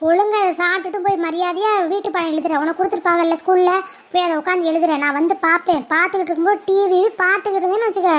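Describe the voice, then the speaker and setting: Woman doing a scolding mother, exasperated, high voice. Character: scolding harried village mother.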